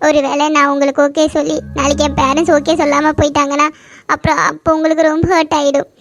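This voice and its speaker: A woman's voice: sits high, level tone, fast talker, fairly bright tone, soft background music. A woman voicing a proud, stubborn young college girl in a cartoon love story, snapping back huffily. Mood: sad. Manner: huffy, snappy retorts. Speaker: heroine.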